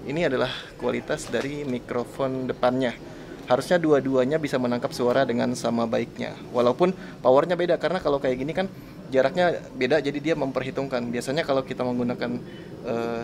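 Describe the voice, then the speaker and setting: A man's voice: medium pitch, steady tone, quick pace, gravelly. Male tech vlogger, Indonesian accent, casual demo outdoors, faint hiss, on-camera mic. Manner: chatty, testing mic aloud. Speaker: tech reviewer. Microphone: camera-top microphone, turned front and back.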